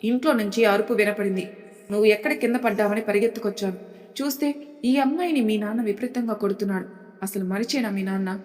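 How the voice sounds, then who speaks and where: A woman's voice: mid-range voice, fast talker, a little mellow, faint music behind, lightly acted. A woman voicing an angry, protective young man in an audio story, confronting a family with indignant questions. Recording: long hall reverb.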